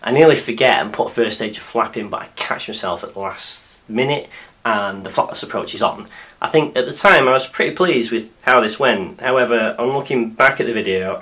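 A man hosts a scripted flying podcast. His voice is deep and croaky from being unwell. He narrates as a pilot telling his own story. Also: a bit bright. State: croaky after a week of flu-like illness. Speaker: podcast host and microlight pilot.

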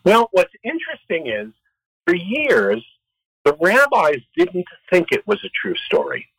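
A man retelling a story with expressive, wisecracking delivery, then answering questions as a guest scholar. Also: high-pitched, a little slow, slightly rough, no echo, poor audio. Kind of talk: animated storytelling.

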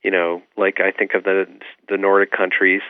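A man's voice: low-pitched, monotone, moderate pace, dry recording. A man, an author being interviewed, explaining his views earnestly and with many fillers. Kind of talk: remote radio interview. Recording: tinny phone line.

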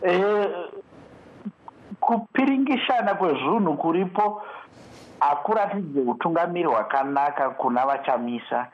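A man with a Zimbabwean Shona accent giving live commentary as a guest analyst, deliberate and halting, restarting words. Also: a little high, expressive. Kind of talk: political commentary in a live discussion. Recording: slightly muffled remote line.

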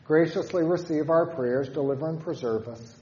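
A man leading congregational prayer as a pastor, solemnly, in measured phrases with pauses. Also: on the high side, warm tone, muffled recording.

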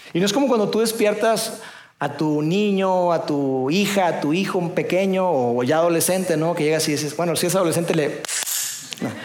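A man preaching a sermon, telling a story playfully, with dramatic pauses. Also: high-pitched, roomy sound. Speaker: pastor.

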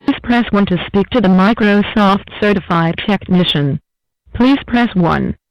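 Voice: mid-range voice, a little slow, no echo, soft background music. Text-to-speech robocall voice on a muffled, dry phone message. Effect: robocall voice message played back. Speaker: automated scam caller.

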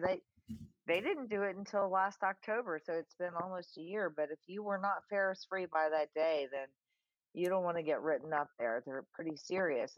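A woman's voice: on the low side, dry recording, muffled recording. A woman on a panel discussion, talking earnestly with many fillers. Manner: earnest, filler-heavy, conversational.

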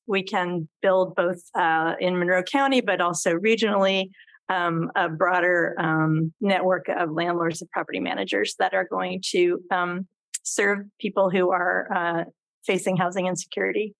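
A woman presenting at a public meeting, speaking in a halting way with many ums and uhs. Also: fairly low pitch, steady tone, gravelly, dry recording. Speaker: local housing official at a public meeting.

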